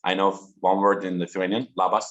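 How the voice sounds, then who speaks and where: A man in his thirties from Turkey, a native Turkish speaker giving an online talk to students slowly and deliberately over a video call. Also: low voice, level tone, fairly bright tone, lo-fi sound. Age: 30s. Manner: slow, deliberate and interactive.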